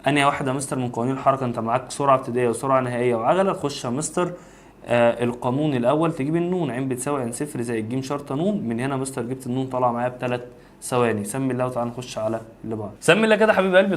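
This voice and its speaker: A man's voice: medium pitch, rapid-fire. A man with an Egyptian accent teaching a physics review lesson, reasoning aloud step by step and addressing the student directly. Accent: Egyptian Arabic.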